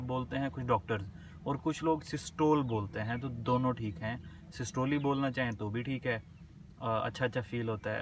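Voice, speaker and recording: A male medical lecturer gives a recorded lesson. He reads English definitions slowly, then explains them in a conversational way and checks in often with short confirming words. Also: mid-range voice, a bit bright, distant mic, a little hiss or hum.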